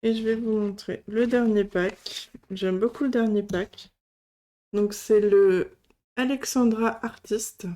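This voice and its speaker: A woman's voice: mid-range voice, steady tone, takes it slowly, dark tone. A woman hosting a casual product demo, speaking hesitantly with many fillers as she shows items one by one. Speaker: craft channel host.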